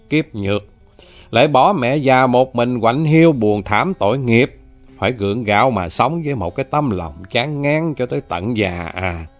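A man reading a novel aloud in a folksy, chatty way. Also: mid-range voice. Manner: folksy, chatty, with tag words. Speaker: storyteller.

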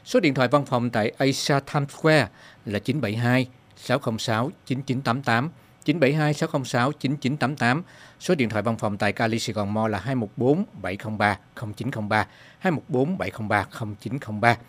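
A man's voice: mid-range voice, a little fast. A man hosting a radio call-in program, polite and formal as he thanks guests and announces. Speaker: radio show host.

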